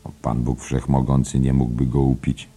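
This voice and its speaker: A man's voice: very deep voice, completely flat delivery, moderate pace, warm tone, husky, exaggerated voice. A man voicing a gossipy older male barfly who swears by God, in an audiobook. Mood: gossiping. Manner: knowing, confidential, emphatic oaths. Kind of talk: audiobook character voice.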